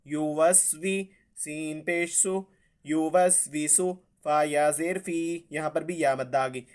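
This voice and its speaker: A man teaches recitation at a very unhurried pace. His voice is smooth and resonant and sits a little high. He names each letter and vowel mark, then sings the word out long. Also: steady tone. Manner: spells letters and vowel marks aloud, then recites drawn out. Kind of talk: slow spelled-out tajweed lesson.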